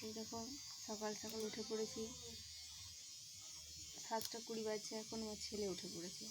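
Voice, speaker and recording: A woman's voice: fairly high pitch, flat delivery, moderate pace, heavy background noise. A young woman vlogging at home, talking casually to her viewers and coaxing her child with a sore throat. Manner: chatty, coaxing her child in a sing-song voice. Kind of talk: casual home vlog talk.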